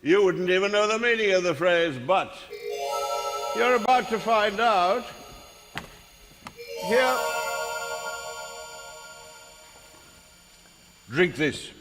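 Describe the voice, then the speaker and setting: An actor playing a jovial, mocking, commanding Christmas spirit in a radio drama, grand and declamatory, with long reverb on the voice. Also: male voice, high voice, animated, slow, long pauses, over music. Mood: jovial, teasing. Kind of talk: musical radio drama acting. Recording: long reverb, faint noise.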